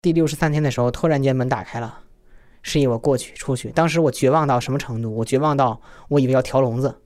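A man's voice: mid-range voice, fast talker, darkish tone, faint music behind. A young man in his twenties from China, telling his own story in a plain, unpolished way through a voice changer. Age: 20s. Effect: voice changer disguise. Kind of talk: first-person podcast storytelling.

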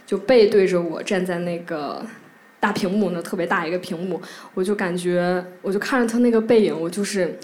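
Halting, emotional young woman storyteller. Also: lowish voice, darkish tone. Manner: halting, emotional, many restarts and repeated words. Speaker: live storyteller. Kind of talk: personal story told to a live audience. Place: theatre stage.

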